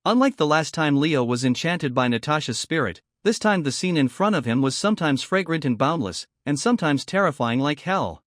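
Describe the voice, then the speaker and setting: A man reads a scripted story recap aloud, speaking every character's lines in his own voice. His voice sits a little high for a man. The recording is close and dry. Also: animated, fairly quick, hardly any pauses, a bit bright, dry recording. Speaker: recap narrator. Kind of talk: scripted narration.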